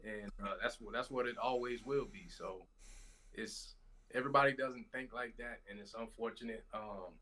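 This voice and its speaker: A man's voice: lowish voice, moderate pace, pushed and bright, rough recording. Emphatic man in casual talk. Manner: emphatic, says "man" a lot. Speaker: interview guest. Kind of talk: casual conversation.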